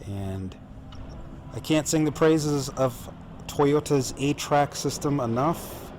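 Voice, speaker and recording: A man's voice: fairly high pitch, animated, slow, darkish tone, slight background noise. An American man, host of an off-road channel, giving casual, enthusiastic and self-mocking commentary over trail footage. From United States.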